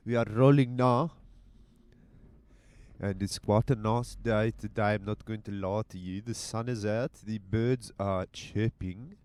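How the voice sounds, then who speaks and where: Driving along, a man hosts his own podcast as a casual, rambling monologue, teasing listeners in a mock-stern tone. He speaks unhurriedly into a handheld mic with headphones, his fairly low, slightly mellow voice keeping a fairly even intonation.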